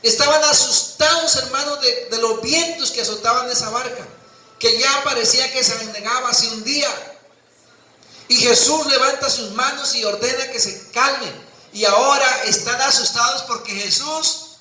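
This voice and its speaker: Fervent high-voiced preaching man. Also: moderate pace, bright, forceful tone, echoey room, low-quality recording. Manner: preaching with rising fervor, acting out quoted voices. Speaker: pastor. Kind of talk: sermon.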